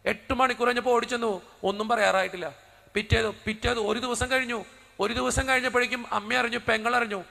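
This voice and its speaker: A priest preaching a sermon as a personal story, acting out the dialogue with drama. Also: male voice, very high voice, steady tone, quick pace, gravelly, sharp tone, in a large hall.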